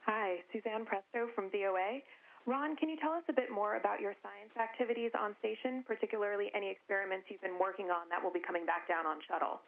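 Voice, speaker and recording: A woman reporter puts a formal question to the crew at a brisk clip. Her voice has a gravelly edge. It comes through a narrow, phone-like radio link. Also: medium pitch, fairly even intonation. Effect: heard over a radio link. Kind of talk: press conference question.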